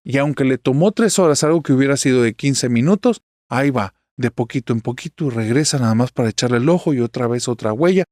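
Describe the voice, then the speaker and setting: A man's voice: medium pitch, expressive, fast, few pauses, darkish tone, no room sound, clean studio sound. A man narrating a horror story in a chatty way, speaking straight to the listener. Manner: chatty, addresses the listener directly.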